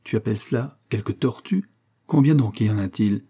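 A man's voice: on the low side, normal speed, mellow, slightly rough. A man doing a mocking young engineer. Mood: incredulous. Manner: teasing and scolding. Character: young male engineer, mocking and level-headed.

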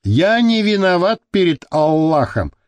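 A man's voice: high-pitched, very animated, measured pace, no room sound, pitched above the performer's own voice. A man reading the part of a pious, self-pitying Chechen kidnapper guard who wails and pleads. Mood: pleading.

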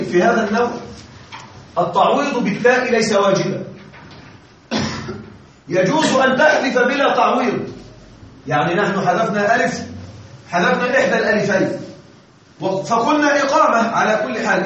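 A man teaching Arabic grammar in a classroom lecture, constantly quizzing his students and pausing for their answers. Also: sits high, a bit bright. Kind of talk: classroom lecture with call-and-response questions. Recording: distant, echoey, dull lo-fi with faint hiss.

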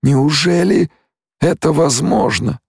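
A man's voice: high voice, slow, creaky, darkish tone, no echo, studio quality, pitched above the performer's own voice, exaggerated voice. A man reading an audiobook, voicing a devoted male desert warrior chief who pleads in a strained, raised voice. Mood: anguished.

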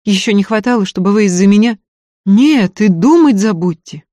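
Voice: medium pitch, expressive, moderate pace, dark tone, dry recording, voice pushed up, lightly acted. A reader voicing Varya, a proud, tearful young woman of peasant birth who talks in plain folksy speech, in an audiobook. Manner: folksy, plain-spoken, pleading then scolding. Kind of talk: audiobook character voice.

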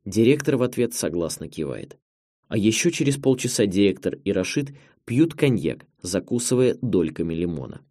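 A man narrating a memoir audiobook in a measured, expressive storytelling manner, recorded on a close studio mic. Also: lowish voice, dry recording.

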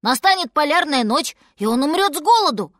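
Woman as a lively, bossy bear cub boy, bright and bouncy. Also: high-pitched, brisk, dry recording, studio quality, voice pushed up. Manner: mocking, bossy.

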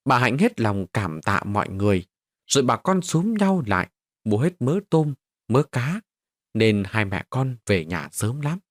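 A male storyteller giving a dramatic, expressive scripted narration of a village tale. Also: medium pitch, measured pace, dry recording, clean studio sound.

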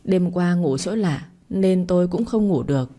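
A woman voicing a cold, possessive young male doctor who talks in short, calm lines. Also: on the low side, moderate pace, natural voice. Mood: cold, curt.

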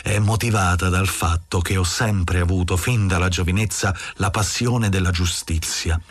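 Brief: preachy small-town baker, voiced by a male reader, grave and slow, dry close recording. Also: sits low, fairly even intonation, no room sound. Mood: stern, accusing. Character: pompous self-righteous male baker, middle-aged.

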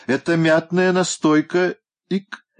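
A man voicing a drunk, sentimental male cat in an audiobook, hoarse and slurring his drawn-out words. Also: a little high, little pitch movement, voice pushed up, natural voice. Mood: drunk gushing. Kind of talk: audiobook character voice.

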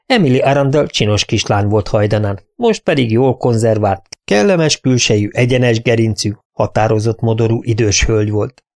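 A man narrating an audiobook in a steady, measured reading voice. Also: medium pitch. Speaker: audiobook reader.

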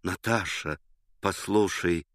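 A man voicing an excitable, earnest young man who keeps pleading his innocence in a storybook reading. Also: on the high side, measured pace, no room sound, clean studio sound, pitched above the performer's own voice. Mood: timid. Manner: eager, breathless protesting.

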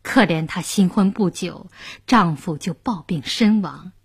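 A woman narrates a traditional tale in an expressive, rhythmic storytelling style. Her voice is husky and unhurried. The recording is dry and close. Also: on the low side, dry recording.

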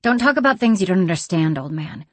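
A woman reading an audiobook, voicing a sharp-tongued, impatient young woman. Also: fairly low pitch, animated, quick pace, dry recording.

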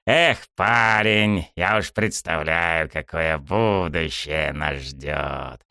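A man voicing a loud, pushy, eccentric old male baseball coach in an audiobook, bellowing and overbearing. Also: lowish voice, expressive, normal speed, no room sound, clean studio sound. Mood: dreamy. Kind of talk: audiobook character voice.

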